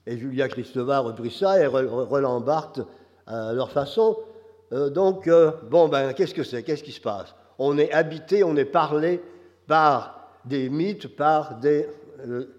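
An older male academic with a Quebec French accent lectures in a big, reverberant hall. His voice is hoarse and stuffed-up from a cold, at a middling pitch. He moves haltingly through digressions, and the sound is somewhat muffled. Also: a little mellow. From Quebec, Canada. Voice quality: hoarse, nasal.

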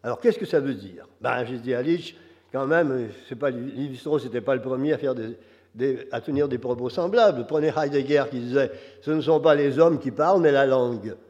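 An older man with a Quebec French accent gives an academic lecture, his voice hoarse and nasal from a cold, halting as he searches for phrasing. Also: mid-range voice, darkish tone. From Quebec, Canada. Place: large reverberant lecture hall. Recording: muffled, very reverberant lecture hall.

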